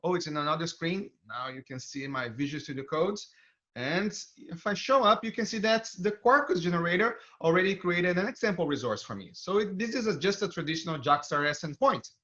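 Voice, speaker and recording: A slightly high, animated voice, fairly quick and pushed bright, belongs to a Brazilian-accented developer advocate. He gives an enthusiastic tech talk built around a live coding walkthrough. The stream audio is band-limited and lacks clarity.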